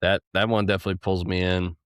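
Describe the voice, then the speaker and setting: Young guy on a game podcast, real deep voice, rambles and laughs a bunch, dry sound. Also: flat delivery, fast, clean tone, no room sound. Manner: rambling, laughs between thoughts. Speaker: podcast co-host. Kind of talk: casual gaming podcast chat.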